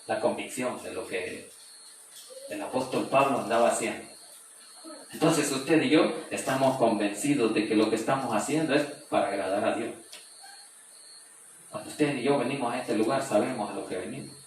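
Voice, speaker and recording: A male preacher leads a conversational Bible study. He reads a verse and then retells it in homely, plain speech. His voice is medium in pitch and rings around a very echoey church room, picked up from well back off the mic, with a faint hiss of noise underneath. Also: moderate pace, long pauses, recorded from a distance.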